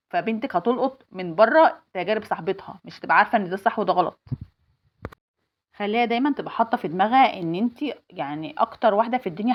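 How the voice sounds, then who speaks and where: A woman in her forties with an Egyptian accent gives insistent advice to other mothers, emphatically repeating her points. Her voice is mid-range and the sound is lo-fi.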